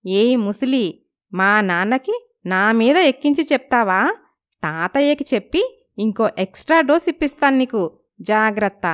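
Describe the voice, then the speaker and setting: Brief: young woman, high clear voice, sassy and playful. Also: expressive, moderate pace, pauses often. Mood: cheeky. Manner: cheeky, sharp-tongued, playful.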